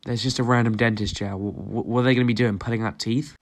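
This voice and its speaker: A man's voice: mid-range voice, fairly even intonation, fast talker, soft background music. Sarcastic teenage boy commentator. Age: teens. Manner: sarcastic, swearing, mocking. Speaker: YouTube commentator. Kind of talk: reaction commentary.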